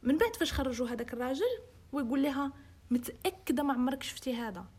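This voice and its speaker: A young woman with a Moroccan accent narrates a true-crime case in relaxed podcast talk. She speaks quickly in a fairly high, slightly husky voice. She mixes in English phrases and voices the people in her story. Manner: code-switches into English, acts out quoted dialogue. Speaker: host.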